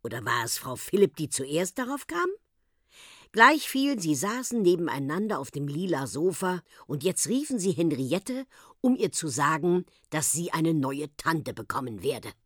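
A woman reading a children's story aloud as an expressive narrator. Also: sits low, moderate pace, dry recording, clean studio sound.

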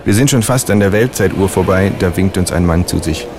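A man reading out his own comic story in a deadpan, matter-of-fact way. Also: low voice, a little fast, music in the background.

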